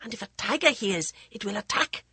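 A woman's voice: medium pitch, animated, brisk, pushed and bright, slightly rough, no room sound, voice pushed up, full character voice. A woman narrator voicing a bossy boy prince, older brother in a storybook.

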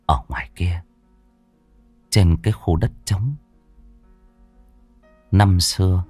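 A man narrating a ghost story in a measured, brooding way. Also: sits low, dry recording, clean studio sound.

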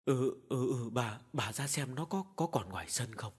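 A man's voice: medium pitch, lively intonation, moderate pace, breathy edge. A man doing a domineering old village man. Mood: frightened. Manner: barking and domineering, stammering when scared. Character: old rich village man, overbearing, then terrified. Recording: long hall reverb.

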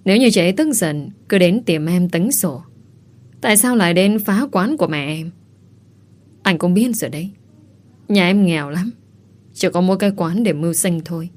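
Young woman, wronged and defiant, read by a female narrator, low voice. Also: lively intonation, normal speed, long pauses, a little mellow, lightly acted. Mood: complaining. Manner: indignant, tearful complaining.

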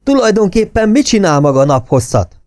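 A man voicing an enraged, near-hysterical British officer who shouts his rebukes. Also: mid-range voice, lively intonation, no echo, studio quality, natural voice. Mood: raging.

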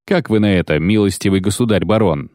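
A gruff, terse monster hunter, read by a male audiobook narrator, with a cold, grumbling delivery. His voice sits very low and sounds dry and close-miked. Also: brisk, darkish tone, no room sound, close to an everyday voice. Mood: curt.

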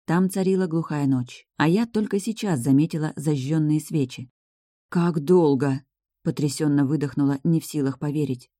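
Mellow audiobook narrator. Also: mid-range voice, a little fast, no room sound, studio quality. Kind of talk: first-person fantasy novel narration.

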